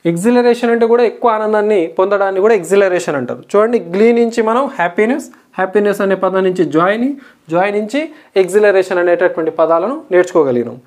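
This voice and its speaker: A Telugu-accented woman, medium-pitched and slightly mellow, teaches in a recorded vocabulary lesson. She goes through English words slowly and spells them letter by letter, continually asking whether the class is following along.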